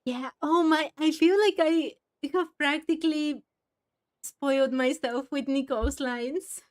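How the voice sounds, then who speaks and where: A woman streamer hosts a game playthrough, thinking out loud and tossing in exclamatory asides while also reading the game's dialogue. Her voice is high-pitched and she speaks a little slowly.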